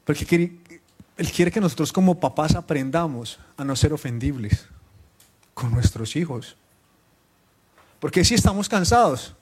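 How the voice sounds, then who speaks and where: Fairly high-voiced man preaching conversationally. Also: lively intonation, measured pace, long pauses, darkish tone, husky. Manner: conversational, asks the room direct questions; teasing asides with the audience. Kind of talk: live sermon to a congregation.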